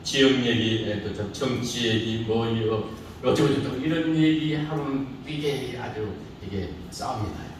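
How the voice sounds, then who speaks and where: A middle-aged speech instructor keeps his lecture loose and playful, needling the class with rhetorical questions. He has a mid-range voice and a measured pace. Background noise is present, and the sound is distant and echoey.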